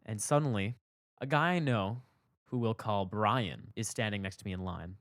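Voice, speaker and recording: A man's voice: fairly low pitch, normal speed, dry recording. Candid young man telling a story, dry sound. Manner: reflective, candid, swings between loud emphasis and soft asides. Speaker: podcast host. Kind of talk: personal storytelling monologue.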